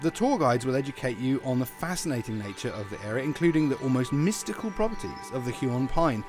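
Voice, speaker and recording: A man's voice: medium pitch, big pitch swings, fast, music in the background. A man with an Australian accent presenting a travel vlog, moving between narration and casual chat with a wry, jokey, understated humour.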